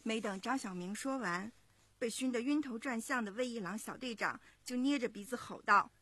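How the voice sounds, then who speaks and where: A woman in her thirties narrates a children's story with expressive, measured pacing. Her voice is slightly husky. The sound is dry and close. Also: fairly high pitch, no echo. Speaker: parent storyteller.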